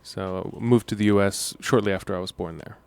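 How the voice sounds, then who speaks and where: A young man guesting in a radio studio interview, explaining at length in a relaxed way with many ums. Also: lowish voice, a little fast, smooth, no echo. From United States. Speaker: musician guest.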